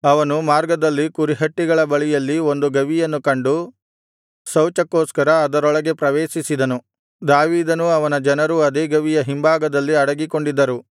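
Man reading scripture in an even monotone. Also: fairly high pitch, clean tone, no room sound, clean studio sound. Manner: steady, measured recitation. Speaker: scripture reader.

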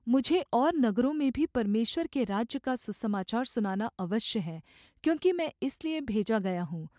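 This is a solemn, calm adult male teacher speaking with quiet authority in a measured scripture reading, as a woman reads him aloud. The voice sits somewhat high, with a lively, rolling rise and fall. The tone is mellow and soft, recorded close and dry. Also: no echo, close to an everyday voice.

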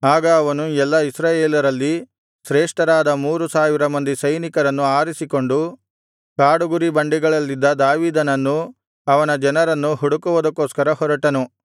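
Male scripture reader, smooth clear voice, very dry close recording. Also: a little high, dry recording. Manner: steady, measured recitation. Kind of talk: scripted Bible reading.

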